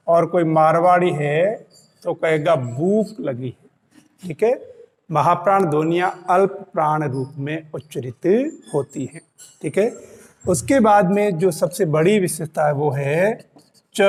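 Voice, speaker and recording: A man teaching an exam-prep lesson, speaking slowly and repeating key points for students. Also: a little high, a little mellow, long reverb tail. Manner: slow, repeats key points, "dhyan dena" reminders.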